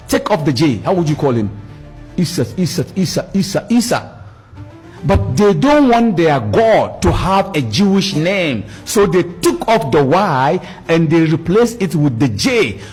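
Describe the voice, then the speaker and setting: Husky, animated man giving a talk. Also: a little high. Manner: animated, repeats words for emphasis. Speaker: Islamic speaker. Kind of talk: storytelling lecture.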